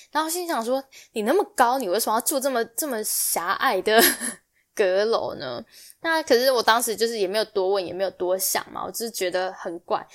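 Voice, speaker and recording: A young woman from Taiwan, hosting a podcast and telling a personal story in a casual way, acting out the quoted exchanges as she goes. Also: on the high side. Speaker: podcast host.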